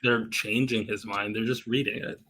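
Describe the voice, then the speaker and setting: A man's voice: on the low side, fairly even intonation, normal speed, sharp tone, breathy edge. A man in a casual group podcast chat, looking things up while he talks.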